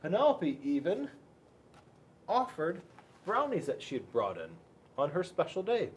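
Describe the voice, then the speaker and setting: Chatting with children as he reads a picture book aloud, a school resource officer is playful and full of rhetorical questions. His slightly high voice swoops wildly in pitch, moving a little slowly, with a little hiss or hum.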